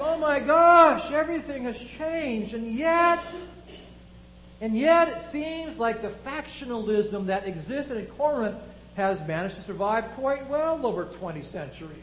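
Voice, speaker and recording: High-voiced man preaching in an echoey room. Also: slight background noise. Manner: reflective, building rhetorical questions. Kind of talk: sermon.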